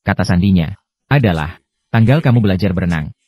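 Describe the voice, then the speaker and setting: A man reading out translated drama dialogue as a recap voice-over, with a stiff, even delivery for every part. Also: low-pitched, a little fast, slightly rough, highs cut off.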